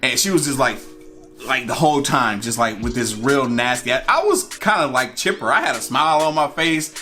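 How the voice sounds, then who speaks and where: An American man with a medium-pitched voice tells a personal story at normal speed over faint background music. As a storyteller and vlog host, he retells it casually and animatedly, acting out bits of dialogue and repeating phrases for emphasis.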